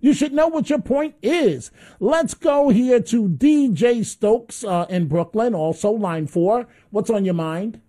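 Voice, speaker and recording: A man's voice: high voice, animated, takes it slowly, few pauses, warm tone. A man hosting a call-in radio show, giving opinionated commentary and pressing callers impatiently.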